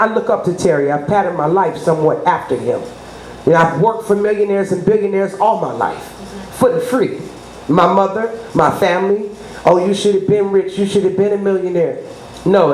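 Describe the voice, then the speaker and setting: Speaking at a medium pitch with a darkish tone, this middle-aged radio personality promotes herself in an interview, boasting with emphasis. She keeps tossing in rhetorical check-ins to be sure she's understood. There's a roomy echo and obvious background noise.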